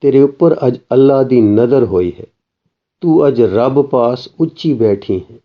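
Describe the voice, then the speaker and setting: A man reading the lines of a gentle, saintly male master in a soft, consoling way, as part of a recorded story reading. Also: mid-range voice, animated, measured pace, muffled recording, close to an everyday voice. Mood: tender, consoling.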